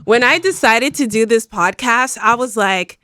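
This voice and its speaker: A woman's voice: on the high side, a little slow, crowd noise. A bubbly, playful woman in her thirties hosting a casual interview podcast. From United States. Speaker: podcast host.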